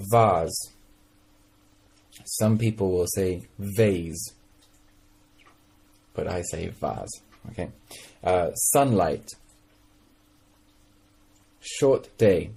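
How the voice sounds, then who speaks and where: A man's voice: on the low side, warm tone, husky. A man teaching English vocabulary, leading repeat-after-me drills, checking in often with "okay?" and adding short explanations in Mandarin. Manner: slow, patient delivery with frequent "okay?" checks; mixes in brief Mandarin explanations.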